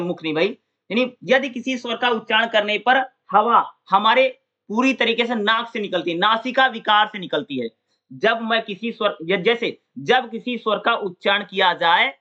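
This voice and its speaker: A man teaching an exam-prep lecture, repeating points and quizzing his listeners with quick questions. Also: very high voice, pushed and bright. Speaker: exam tutor. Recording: dull lo-fi sound.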